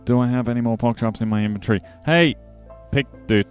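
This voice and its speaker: With faint music playing behind him, a male streamer casually comments on his gameplay, fairly quickly and in a mid-range voice. He's chatty and jokey, addressing his viewers and joking around with the game's animals.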